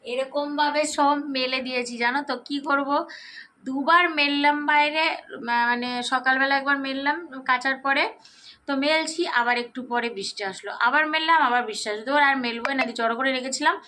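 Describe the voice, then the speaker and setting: A middle-aged woman, slightly hoarse, chatting casually to viewers through a daily-routine vlog and often checking in with them. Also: sits high, steady tone, fairly quick, sharp tone. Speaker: vlogger.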